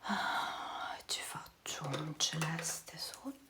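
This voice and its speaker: A woman whispers in a hushed, low-pitched voice. She takes her time, musing to herself in short, casual phrases, as an ASMR creator does while busy with a small task. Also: extremely slow. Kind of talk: ASMR, casual commentary while writing labels.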